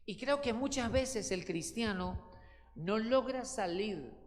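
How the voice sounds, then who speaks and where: A man's voice: high voice, expressive, slow, long reverb tail. A male pastor, preaching a sermon with emphatic swings of voice and calling listeners brothers. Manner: emphatic preaching, voice rising and falling widely.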